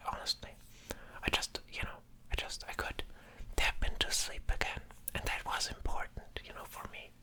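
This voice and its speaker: A person speaking in a breathy whisper in a casual ASMR ramble, sounding sleep-deprived and hesitant, often trailing off and starting thoughts again. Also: normal speed, bright, forceful tone. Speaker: ASMR creator.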